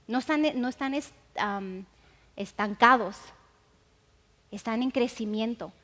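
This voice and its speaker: A woman gives a sermon in a fairly high voice, slowing down to stress and repeat her key phrases. She restarts often mid-sentence. Her voice rings with the long reverb of a large hall. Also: a bit bright. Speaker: Bible teacher. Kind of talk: sermon teaching.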